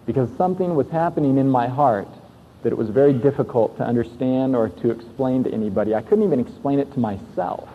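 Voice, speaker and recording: A man telling his life story as an earnest sermon testimony, reflective, with emphatic pauses. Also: mid-range voice, lively intonation, husky. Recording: tinny, lo-fi recording in a long-echoing hall.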